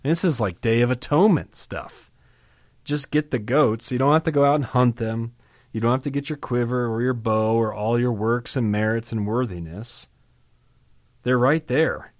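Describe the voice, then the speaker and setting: A man teaching through a Bible chapter in a lively, conversational way, asking rhetorical questions and chuckling now and then. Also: mid-range voice, normal speed, no room sound, clean studio sound.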